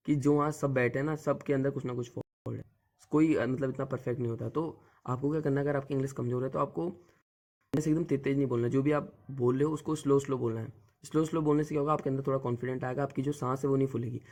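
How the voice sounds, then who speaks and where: This exam coach, a young man whose medium-pitched voice is a little mellow, offers group-discussion tips in a relaxed, straightforward lesson. One filler word keeps cropping up in his speech.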